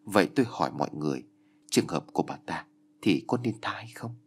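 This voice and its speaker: A man voicing a calm, stern old boatman who accuses the guilty in a storybook reading. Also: low voice, quick pace, husky, voice pushed down.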